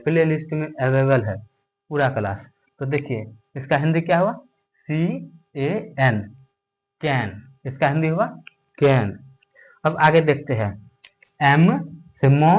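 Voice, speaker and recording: Slow, patient male English teacher. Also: fairly high pitch, rough recording. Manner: explains step by step, asks and answers his own questions, keeps checking in with "okay?". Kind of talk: classroom lesson.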